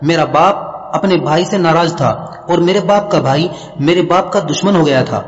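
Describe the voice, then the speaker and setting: A man's voice: on the high side, natural voice. A troubled, lovesick young husband from a storybook, hesitant and uncertain, as a male narrator voices him. The voice is dull and lo-fi, with a long reverb trailing behind.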